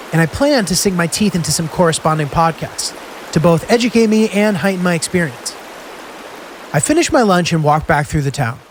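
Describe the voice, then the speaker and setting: A man's voice: a little high, a little hiss or hum. A man hosting a travel series, telling his road trip in scripted narration with wry, self-deprecating humor.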